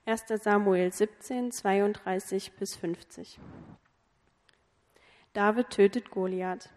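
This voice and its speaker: A woman reading a Bible passage aloud in a clear, measured way. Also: medium pitch, fairly even intonation, a little mellow. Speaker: scripture reader. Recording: long reverb of a hall.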